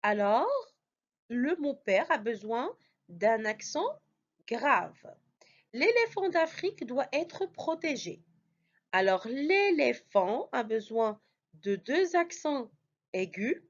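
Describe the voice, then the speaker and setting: High, lively woman teaching slowly. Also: muffled recording. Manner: slow, patient, explains step by step with frequent "alors" and "d'accord". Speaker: French teacher. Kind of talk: spelling lesson.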